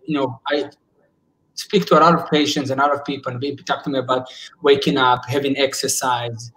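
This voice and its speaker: Over a laptop webcam at home, a man in his forties who works as a psychologist joins a casual video call discussion. His mid-range voice is brisk and fairly bright, with fairly even intonation, and he earnestly restarts sentences as he hunts for words. The recording is rough.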